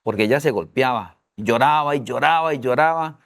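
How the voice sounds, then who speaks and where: Man, middle-aged, church parenting co-teacher, emphatic storyteller, mid-pitched voice. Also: brisk, gravelly, fairly bright tone. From Colombia.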